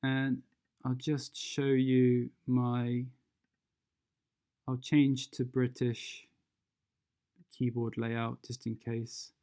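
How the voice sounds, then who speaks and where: Someone gives an unscripted software walkthrough at an unhurried pace, in a soft, mellow and clean tone. The pitch stays fairly flat, and the delivery is hesitant as the steps are worked out aloud during the demonstration.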